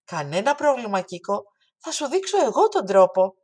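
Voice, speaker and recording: A woman's voice: fairly high pitch, big pitch swings, darkish tone, slightly rough, voice pushed up. A woman voicing a friendly, helpful talking hand that reassures a child in a storybook reading. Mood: gentle.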